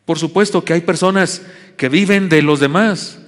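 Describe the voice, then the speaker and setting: A man's voice: fairly high pitch, moderate pace. A man preaching a sermon as pastor, telling folksy, self-mocking stories in a church sanctuary. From Chihuahua, Mexico. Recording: long hall reverb in church.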